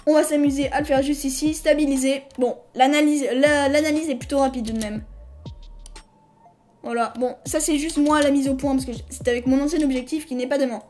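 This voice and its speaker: A woman hosting a casual screen-recorded software tutorial. She talks in a chatty, hesitant way, restarts her sentences and apologizes to viewers now and then. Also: high voice, fairly even intonation, a little fast, soft background music. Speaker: tutorial host.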